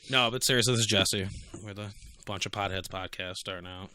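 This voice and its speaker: A man's voice: on the low side, fairly quick, bright, forceful tone, slight background noise. A young man co-hosting a casual podcast, joking around, laughing often and swearing. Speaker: podcast co-host. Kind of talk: casual chat.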